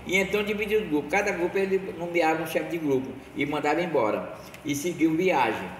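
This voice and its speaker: A man's voice: on the high side, fast. A man, telling local history as an oral storyteller in a rambling way, restarting and correcting himself. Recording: echoey, roomy sound from a distance with faint noise.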